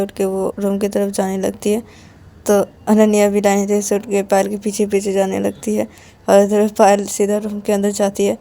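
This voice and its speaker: A woman's voice: mid-range voice, dark tone. A woman narrating a romance story in a casual, repetitive way.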